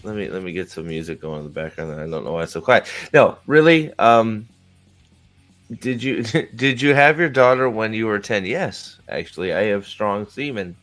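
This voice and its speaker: A forty-something man hosting his own stream, talking in a loose, joking ramble that keeps stalling on fillers and restarts. His voice sits a little low for a man, with faint music underneath. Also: normal speed, fairly bright tone. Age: 40s. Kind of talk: casual chat.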